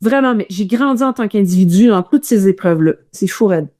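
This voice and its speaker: A woman with a Quebec French accent, a runner telling a guest's stories in a casual interview, animated and full of restarts. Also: mid-range voice, fairly quick.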